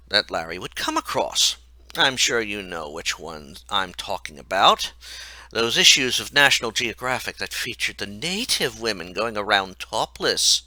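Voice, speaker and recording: A man's voice: fairly low pitch, sharp tone, dry recording. A man reading his own comic story aloud in a wry, mocking way.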